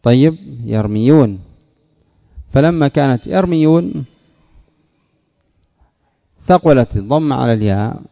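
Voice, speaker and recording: A man teaching a grammar lesson, asking questions and answering them himself and repeating key words slowly. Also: mid-range voice. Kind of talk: Arabic grammar lesson explaining a text. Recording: dull lo-fi recording.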